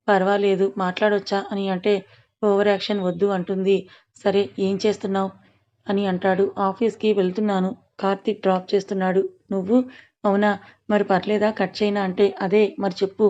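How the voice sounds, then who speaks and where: A woman's voice: mid-range voice, warm tone, muffled recording. A woman telling a serialized story, reading the characters' lines inside her narration. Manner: reads dialogue inside plain narration.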